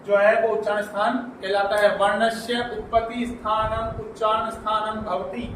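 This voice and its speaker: A man's voice: sits high, a bit bright, slight background noise. A male teacher giving an exam-prep grammar lesson. He repeats key points as questions and then answers them. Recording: roomy echo, from a distance.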